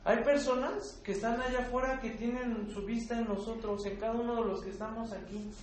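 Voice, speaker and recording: High-voiced Mexican preacher in echoey hall. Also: male voice, fairly even intonation, brisk. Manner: earnest, rising loud when reading scripture. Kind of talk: sermon. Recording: very echoey hall, faint background noise.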